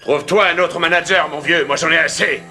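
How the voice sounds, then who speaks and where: Gravelly, sharp-voiced washed-up warrior. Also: male voice, fairly high pitch, steady tone, fairly quick. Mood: weary, fed up. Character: washed-up giant warrior turned wrestler, bitter, proud. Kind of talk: French animated series dubbing. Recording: music faintly behind the voice.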